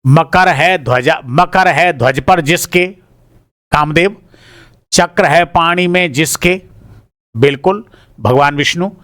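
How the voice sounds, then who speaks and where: Male teacher, higher-pitched voice, casual answer-key walkthrough, repeats words as he checks them, dry close sound. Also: takes it slowly, pauses often, a bit bright, no echo. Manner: repeats each word aloud while checking it; informal, addresses listeners as brother.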